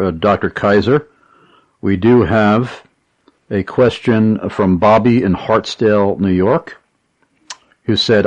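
Male radio host, earnest and emphatic, lowish voice, dry close sound. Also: no room sound, poor audio. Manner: earnest, emphatic, repeats key details. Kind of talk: talk radio host, appeals and questions.

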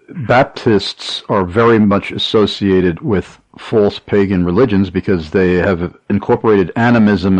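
Male radio host, earnest and emphatic, lowish voice, dry close sound. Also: no echo, poor audio. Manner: earnest, emphatic, repeats key details. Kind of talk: talk radio host, appeals and questions.

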